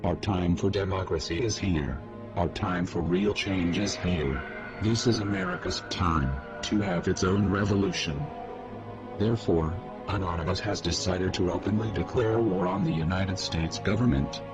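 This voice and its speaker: Deliver it as a masked man speaking through a voice-lowering disguise. Keep it slow and solemn, each line a measured declaration, over a music bed. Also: dull audio. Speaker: anonymous spokesman. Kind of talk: scripted manifesto statement.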